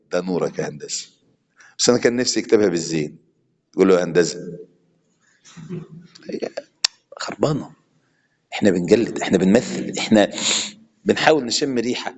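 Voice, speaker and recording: A man with an Egyptian accent preaching an impassioned sermon, mixing classical and colloquial Arabic. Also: fairly low pitch. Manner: impassioned, switching between classical and colloquial speech. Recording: long hall reverb.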